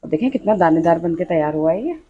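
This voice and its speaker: The sound is phone-quality as a cooking channel host talks quickly through a home kitchen tutorial in a lowish, lively voice. She explains each step in a chatty way, often using "achha" and "dekhiye."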